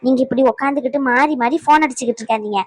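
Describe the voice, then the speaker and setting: A woman's voice: high-pitched, racing, dry recording. A woman voicing a stern lecturing mother-in-law. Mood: scolding. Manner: lecturing, scolding. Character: stern middle-aged mother-in-law scolding family. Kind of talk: Tamil cartoon drama voice acting.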